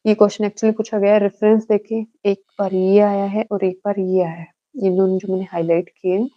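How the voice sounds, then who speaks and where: A woman giving an exam-prep lecture, asking herself quick questions and slowly chanting verses. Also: mid-range voice, level tone, highs cut off. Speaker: Ayurveda teacher.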